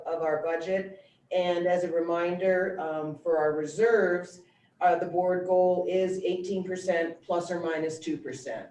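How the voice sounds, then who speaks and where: A woman giving an informal, explanatory presentation in a measured, matter-of-fact way. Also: fairly low pitch, dark tone. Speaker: school district finance presenter. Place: meeting room, relayed over a video call. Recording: echoey room, distant mic, faint noise.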